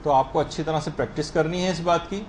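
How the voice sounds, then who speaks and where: A man's voice: a little high, fairly even intonation, a little mellow, slight background noise. A man teaching a religious lesson in an earnest, explanatory way, demonstrating how words should be pronounced. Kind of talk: lecture on prayer to a female audience.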